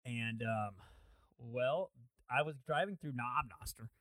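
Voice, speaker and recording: A man's voice: medium pitch, slow pace, a bit bright, dry recording. A young man chatting casually as a podcast co-host, rambling through long stories with lots of fillers and frequent laughter. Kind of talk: casual chat.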